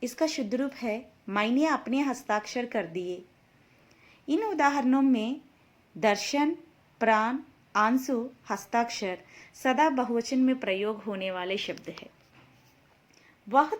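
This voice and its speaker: A woman teacher walks through grammar examples one by one, reading each faulty sentence and then its corrected form. Her voice sits high, and she speaks slowly and deliberately, in a steady, measured classroom delivery.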